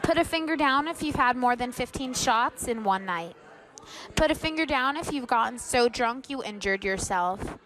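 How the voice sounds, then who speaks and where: A woman reading out challenge prompts in a quick, upbeat way. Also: fairly high pitch, animated, a bit bright.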